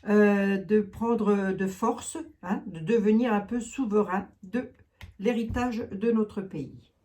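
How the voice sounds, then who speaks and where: A woman's voice: mid-range voice, steady tone, slow, mellow. Chatty woman doing a tarot reading. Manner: chatty, thinking aloud with many fillers. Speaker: tarot reader. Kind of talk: casual tarot reading to viewers.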